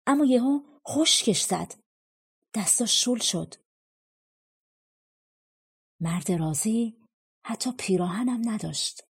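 Husky woman reading a fairy tale. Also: fairly high pitch, lively intonation, pauses often. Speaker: audiobook narrator. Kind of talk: storybook narration.

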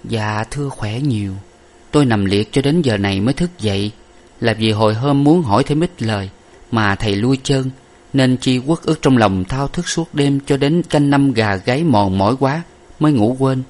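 A man voicing a tired young lady recovering from illness, speaking softly and politely. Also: medium pitch, lively intonation, normal speed, voice pushed up, natural voice. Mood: weary polite.

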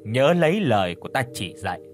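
A man's voice: medium pitch, sing-song, fast talker, a little hiss or hum, natural voice. A man doing a stern village shaman. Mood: instructive. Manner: instructive, commanding, ritual explanations.

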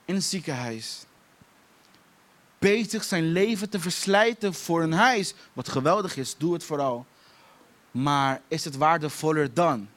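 High-voiced man preaching with emphatic repetition. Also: unhurried, a bit bright. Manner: emphatic, repeats key phrases, laughs at himself. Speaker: pastor. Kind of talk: sermon.

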